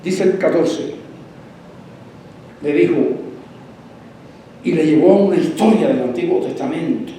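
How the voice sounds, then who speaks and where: A man's voice: a little high, mellow, a little hiss or hum. A male pastor preaching an evangelistic sermon, asking the congregation questions and repeating words for emphasis. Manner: asks the congregation rhetorical questions. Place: church sanctuary. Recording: very echoey church from far off.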